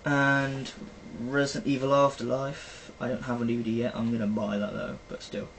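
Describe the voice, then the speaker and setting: Here a young British vlogger talks films in a relaxed, rambling way, leaning on fillers as he goes. His mid-range voice is gravelly, with a level tone and moderate pace. Faint background noise and poor recording quality mark the clip.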